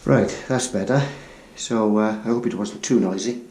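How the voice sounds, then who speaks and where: A man's voice: fairly low pitch, fairly even intonation, normal speed, a little mellow. Chatty man fitting a door in an echoey room. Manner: chatty, self-deprecating, apologetic asides. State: slightly out of breath. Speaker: DIY renovation vlogger. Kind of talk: casual talk while working on camera. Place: small room indoors. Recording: echoey room with faint noise.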